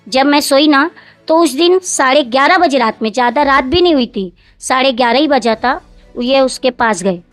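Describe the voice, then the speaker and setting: A high-voiced woman recounts events at length in an interview, rambling, repeating herself and quoting others word for word. She's animated and speaks at normal speed, with faint music in the background.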